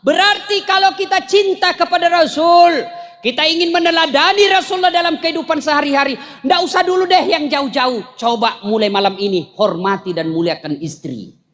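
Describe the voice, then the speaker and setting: A man preaching a humorous sermon, telling stories in an animated, joking way. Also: very high voice, moderate pace. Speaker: Islamic preacher.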